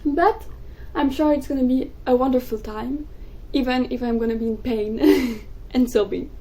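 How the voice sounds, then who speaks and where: A young woman, a native French speaker, chatting excitedly about books in a casual vlog. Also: high-pitched, low-quality recording. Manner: excitable, gushing, quick bursts. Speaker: book vlogger. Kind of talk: casual chat to camera.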